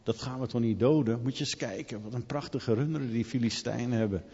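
A man's voice: medium pitch, brisk, mellow, slightly rough. A man voicing greedy soldiers who coax their king in a matey tone. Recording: long hall reverb, dull lo-fi sound.

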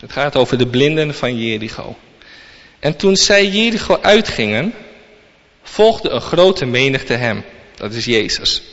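A man's voice: mid-range voice, sing-song, unhurried, a bit bright. A man giving a sermon, reading scripture aloud and then explaining it to the congregation. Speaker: preacher. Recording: long reverb, dull lo-fi sound.

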